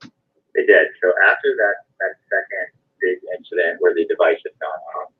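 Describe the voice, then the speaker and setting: A man with a very low, husky voice comes through a speakerphone, thin and tinny like a phone line heard from a distance. He answers in short, matter-of-fact phrases, and the narrow phone sound strips away the fullness of his voice. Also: moderate pace. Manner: brief, matter-of-fact replies. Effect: heard over a phone on speakerphone. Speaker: interview guest. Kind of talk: casual video-call interview.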